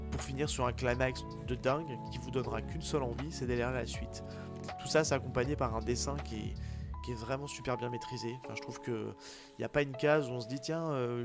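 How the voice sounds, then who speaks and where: A man with a tired, worn voice after a day out in the cold, chatting casually and enthusiastically as a podcast co-host reviewing manga. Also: medium pitch. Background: music behind the talk.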